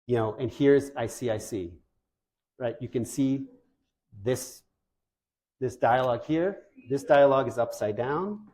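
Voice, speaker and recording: A man's voice: mid-range voice, a little slow, pauses often, a little mellow. A man giving an informal presentation to parents of deaf children, enthusiastic and conversational, with loose, chatty phrasing.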